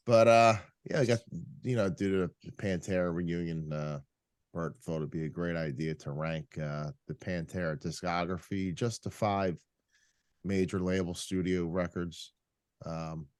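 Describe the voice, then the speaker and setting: A man with a very low, congested voice hosts a casual podcast conversation, sounding worn out from lack of sleep. He wanders through his points with many fillers and keeps clearing his throat. The sound is close and dry. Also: sing-song, unhurried, fairly bright tone, no room sound. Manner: rambling, filler-heavy, clears throat often. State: congested and tired. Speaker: podcast host. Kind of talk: casual chat.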